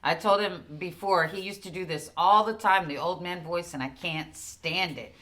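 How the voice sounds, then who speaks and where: A woman's voice: on the low side, normal speed, fairly bright tone. A Texan woman co-hosting a casual church podcast, chatting easily and teasing her partner. She laughs often and keeps the talk light. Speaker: podcast co-host. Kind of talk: casual chat.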